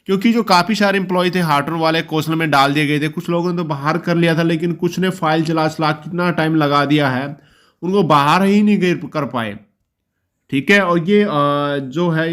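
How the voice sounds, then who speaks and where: A fairly high-voiced man walks his viewers through an official policy in a loose, conversational explainer. He keeps reassuring them and checks in with a quick "okay" after each point. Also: fairly bright tone. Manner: explanatory, reassuring, often ends points with "ठीक है". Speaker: YouTube channel host explaining job policy. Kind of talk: informal explainer talk.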